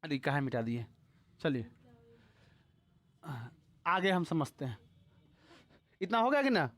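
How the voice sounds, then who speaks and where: A man's voice: fairly high pitch, sing-song, takes it slowly, a bit bright. A male school teacher with a Bihari Hindi accent lectures a live class on physics. He talks to the students in short repeated questions and checks whether they have understood. He mixes in scolding and teasing. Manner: repeatedly quizzes students, scolds and teases them.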